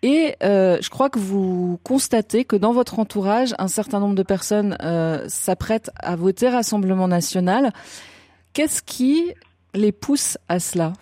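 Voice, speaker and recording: Mellow-voiced woman radio host. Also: mid-range voice, a little slow, no room sound, studio quality. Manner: gentle probing questions, rephrasing answers. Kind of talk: radio interview.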